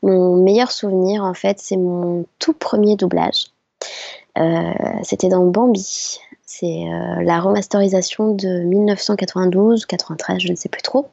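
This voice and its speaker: A middle-aged voice actress telling stories in an interview, chatty and hesitant with many fillers. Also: female voice, on the low side, steady tone, normal speed, creaky, mellow, no echo. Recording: slightly dull lo-fi sound.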